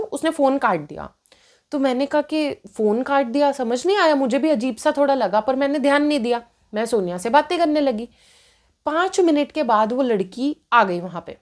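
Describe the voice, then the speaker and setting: A woman in her twenties telling a personal story in casual vlog style, switching between Hindi and English and acting out what people said. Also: fairly high pitch. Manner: animated, mixing Hindi and English, acting out quotes. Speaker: storytime vlogger.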